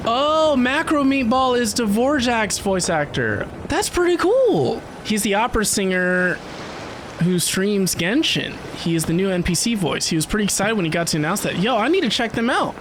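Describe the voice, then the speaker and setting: A game streamer with a mid-range voice chats informally during a livestream, very animated at a moderate pace. Game music plays behind the voice, along with background noise.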